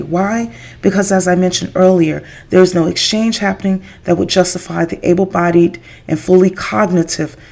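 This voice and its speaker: A woman's voice: mid-range voice, warm tone. A woman vlogger giving blunt, emphatic opinion commentary on a viral video. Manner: emphatic, direct, lecturing.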